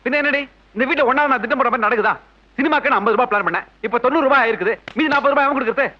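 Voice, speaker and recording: A man's voice: sits high, big pitch swings, husky, highs cut off, exaggerated voice. A grumbling thrifty father. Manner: grumbling, scolding, quick-tempered. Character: thrifty irritable middle-aged father, always complaining about money. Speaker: stingy family father. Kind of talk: film scene acting.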